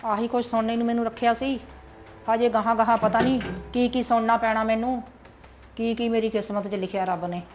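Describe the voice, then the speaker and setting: A grumbling old Punjabi mother, as a woman plays her, her voice sitting a little high for a woman. She complains with self-pity about her son and daughter-in-law, and faint music runs under her lines in this family drama. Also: steady tone, a little fast, dull audio, close to an everyday voice. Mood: resigned.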